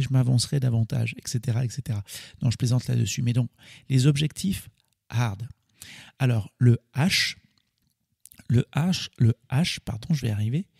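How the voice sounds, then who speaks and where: Male podcast host, casual coaching talk, gravelly and warm, recorded dry and close. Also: mid-range voice, no room sound. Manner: casual, explanatory, self-correcting with small laughs.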